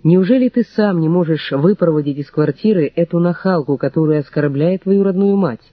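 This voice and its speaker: A man's voice: a little high, a little fast, no echo, phone-quality sound, voice pushed up, close to an everyday voice. A man reading an audiobook, voicing an imperious, theatrical elderly mother-in-law who wails and demands. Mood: shrill demanding. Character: shrill scheming elderly mother-in-law, woman.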